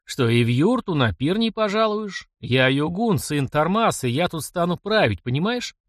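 A man voicing a cruel young nomad lord, shouting. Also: on the high side, very animated, normal speed, no echo, studio quality, voice pushed up. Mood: boastful. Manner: shouting threats and insults. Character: arrogant young nomad warlord's son, cruel and lustful.

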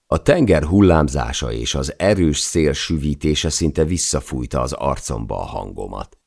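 Man reading an audiobook, super deep voice, gravelly, steady and measured. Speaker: audiobook narrator. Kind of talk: scripted audiobook narration.

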